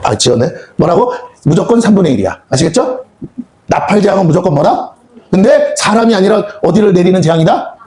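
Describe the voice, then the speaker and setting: A man's voice: high voice, sing-song, fairly quick, warm tone. A man preaching a sermon as pastor, emphatic and colloquial, firing rhetorical questions at the congregation in a church. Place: church sanctuary.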